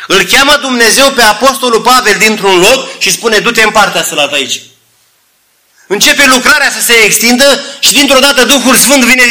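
Fervent preacher with a bright, high voice. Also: male voice. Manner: fervent, addresses the congregation as brothers, acts out dialogue. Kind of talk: sermon.

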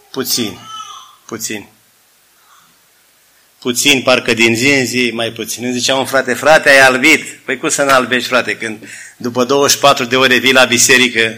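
A man's voice: medium pitch, sharp tone. A man preaching a sermon to his congregation, fervent and addressing them as brothers, acting out the dialogue of the figures in his story.

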